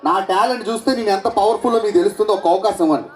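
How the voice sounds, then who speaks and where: High, quick, pleading comic, distant roomy stage sound. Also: male voice, darkish tone. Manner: pleading, eager, bantering. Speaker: comedian playing an aspiring mimicry artist. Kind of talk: stage comedy skit.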